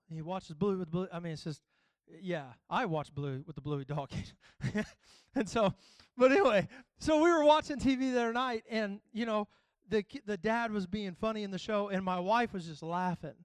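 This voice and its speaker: A man's voice: high-pitched, moderate pace, clean tone, no room sound. A man preaching a sermon, telling funny family stories and exhorting the congregation. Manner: humorous, storytelling, preacherly. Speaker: pastor.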